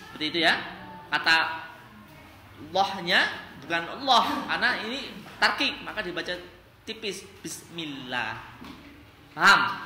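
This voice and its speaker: A man teaching a classroom lesson on Quran recitation, drilling the class with quick questions. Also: high voice, bright, forceful tone, a little hiss or hum. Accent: Indonesian. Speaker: religious studies teacher. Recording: echoey classroom.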